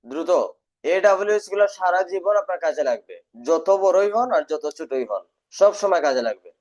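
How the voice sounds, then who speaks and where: A man's voice: high voice, animated, fairly quick, darkish tone. A man teaching a live online English class, sternly drilling his students by having them repeat words. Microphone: video call. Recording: dull lo-fi online class audio.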